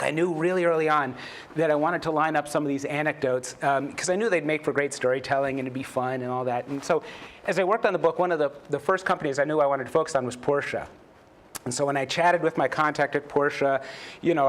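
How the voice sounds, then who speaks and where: A man's voice: medium pitch, fairly bright tone, slight background noise. A man, a journalist and author, giving a casual conference talk on a stage, chatty and self-deprecating, with many fillers and restarts. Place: conference stage before an audience.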